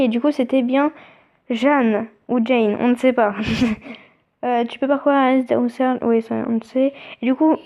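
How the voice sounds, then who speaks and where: A young woman chatting casually as she plays a mobile game, reading its text aloud and thinking out loud. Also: a little high. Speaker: let's play gamer. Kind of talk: casual gameplay commentary. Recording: tinny phone-like sound.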